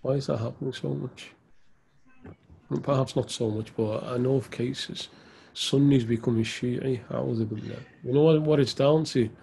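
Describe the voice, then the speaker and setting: A man's voice: medium pitch, steady tone, normal speed, gravelly, mellow, a little hiss or hum. A man, an Islamic scholar, answering questions in an earnest, direct way during a live Q&A session, with casual banter. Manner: earnest, then teasing and laughing.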